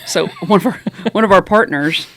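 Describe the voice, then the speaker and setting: A woman race director co-hosting a casual podcast from an office, upbeat and quick to laugh. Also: fairly low pitch, fairly bright tone, no echo. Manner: upbeat, laughs often, enthusiastic.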